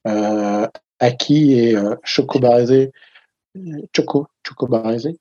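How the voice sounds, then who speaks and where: A man chats casually and hesitantly on a rugby talk show, full of fillers and restarts. His mid-range voice is warm and unhurried, recorded with no room sound but a dull lo-fi quality.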